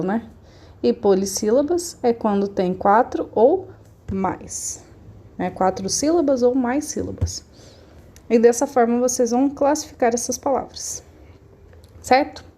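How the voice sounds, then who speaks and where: A woman's voice: a little high, vocal fry, dark tone. A woman teaching a remote class, explaining patiently and often checking that her students follow.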